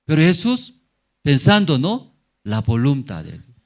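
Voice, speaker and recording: Slow, emphatic male preacher. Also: huge pitch swings. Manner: simple, halting phrasing with frequent tag questions; swings between emphatic high bursts and low murmurs. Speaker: pastor. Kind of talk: sermon. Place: church.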